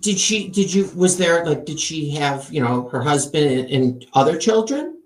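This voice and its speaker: A man's voice: on the high side, lively intonation, moderate pace, roomy sound. A man hosting an interview, asking curious, chatty questions with plenty of fillers. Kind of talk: casual interview chat.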